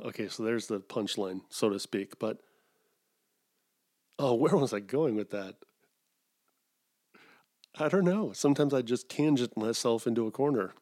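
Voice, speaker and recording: A man's voice: medium pitch, a little mellow. Rambling middle-aged man podcasting solo. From Wisconsin. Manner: digressive, self-mocking, with put-on voices. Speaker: podcast host.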